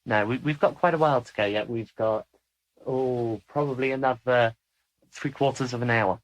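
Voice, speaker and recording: A woman moderating a channeling session, brisk and joking with the sitters. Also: a bass voice, rough recording. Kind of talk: channeling session, casual chat.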